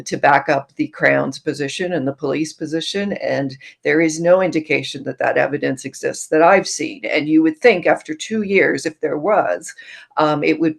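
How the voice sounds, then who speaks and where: A woman's voice: deep voice, vocal fry. A middle-aged woman from Canada, a guest author and former journalist, talking earnestly in a casual podcast conversation with many ums.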